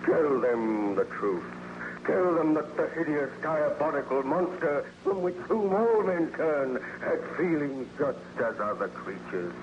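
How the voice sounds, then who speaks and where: Wounded monster: slow, declamatory, tormented and remorseful. Vintage radio drama, muffled and noisy. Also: male voice, a little high, big pitch swings. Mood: tormented, bitter. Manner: declamatory, anguished, archaic formal speech. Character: wounded, remorseful, bitter monster mourning his creator. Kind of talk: 1930s radio acting. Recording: noisy, muffled old-time radio recording.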